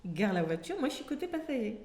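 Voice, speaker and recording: A woman with a French accent, a guest telling lively stories in a casual interview, acting out voices and laughing often. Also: mid-range voice, fast talker. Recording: echoey room with faint background ambience.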